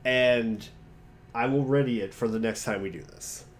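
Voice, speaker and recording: A man's voice: mid-range voice, normal speed, a crowd in the background. A man chatting playfully on a stream between reading parts of a webcomic. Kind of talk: casual chat.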